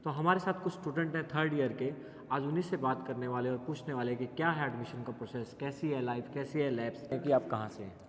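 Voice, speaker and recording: A man's voice: mid-range voice, fairly quick. A man hosting a casual campus interview, asking students questions in a friendly way and mixing Hindi and English. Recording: echoey room.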